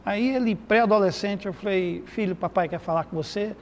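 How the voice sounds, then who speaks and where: A middle-aged man, a pastor and therapist, telling a lively anecdote full of quoted dialogue in a TV studio interview. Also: high voice, brisk. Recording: reverberant studio with faint noise.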